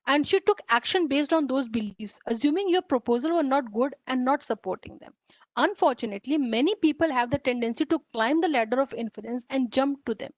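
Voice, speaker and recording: A faculty development trainer with an Indian English accent delivers an online training lecture in a fairly high voice, earnest and repetitive, with many fillers and restarts. The audio is dull, lo-fi, and dry, like an online call.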